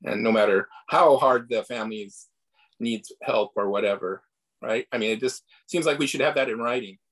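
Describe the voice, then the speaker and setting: A man's voice: mid-range voice, normal speed, a bit bright, poor audio. A man leading a casual club meeting on a video call, rambling with fillers and hedges.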